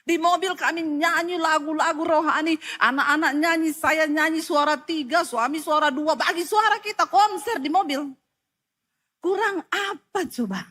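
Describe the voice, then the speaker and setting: High-voiced woman preaching a sermon. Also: moderate pace. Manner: expressive storytelling with sharp rises and drops in pitch and volume.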